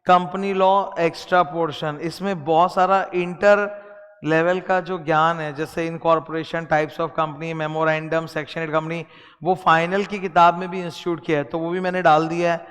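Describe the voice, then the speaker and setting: Male teacher with an Indian accent, slightly high and smooth, lecturing with a long reverb tail. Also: level tone, measured pace, a bit bright. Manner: explains in mixed Hindi and English, addresses students directly. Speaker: law teacher. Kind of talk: classroom lecture.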